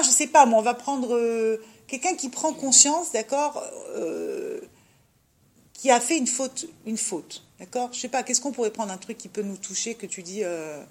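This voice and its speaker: Animated woman teaching a women's class. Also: sits high. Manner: animated, addresses listeners directly, rhetorical questions. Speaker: religious teacher. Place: unheated room with a group of women.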